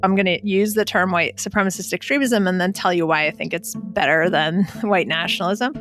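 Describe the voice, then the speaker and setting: A woman answering as an expert guest in a clear, explanatory way. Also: fairly low pitch, steady tone, brisk, a bit bright, soft background music. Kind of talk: interview answers.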